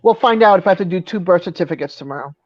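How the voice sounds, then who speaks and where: A man telling a story on a casual live chat, animated and laughing often. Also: high-pitched, very fast. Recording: dry, dull lo-fi sound.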